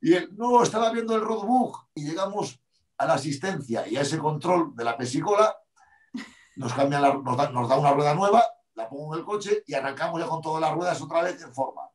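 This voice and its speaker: A rally driver recounts a race story with animated energy, voicing both sides of an argument. His voice sits fairly high for a man. The sound is roomy and comes from some distance off the mic. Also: a little fast. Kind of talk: storytelling in an interview.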